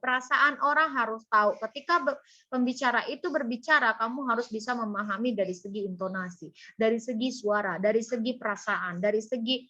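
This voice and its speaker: A woman's voice: a little high, bright, forceful tone. A woman English teacher with an Indonesian accent, giving an online class lecture and repeating each point in two languages. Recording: dull lo-fi audio.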